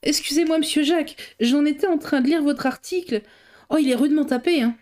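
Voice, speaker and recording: A chatty, gossipy middle-aged housekeeper, put on by a woman reading a novel aloud. Her familiar talk rides higher than the reader's own voice. She is plump and eager and a bit nosy, straight out of an old serial novel. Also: fairly quick, natural voice. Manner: familiar chatty speech, high and bright.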